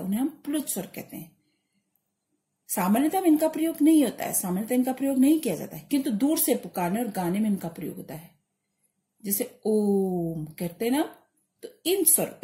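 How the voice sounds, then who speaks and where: Teacher lady going through letters one by one, asks and answers herself, voice goes up and down a lot, warm tone. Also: medium pitch. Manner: drills letters one by one, asks and answers her own questions. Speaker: school teacher. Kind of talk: classroom grammar lesson.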